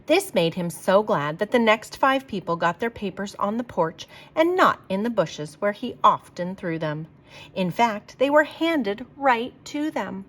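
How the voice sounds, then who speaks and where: In an unhurried, mid-range voice, a woman reads a children's picture book aloud the way a teacher would, her delivery expressive and emphatic for young listeners.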